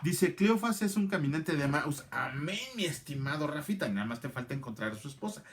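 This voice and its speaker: A man's voice: a little high, animated, fairly quick. A middle-aged man, teaching a casual Bible class and answering viewers by name. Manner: chatty, answers viewer comments by name, repeats phrases.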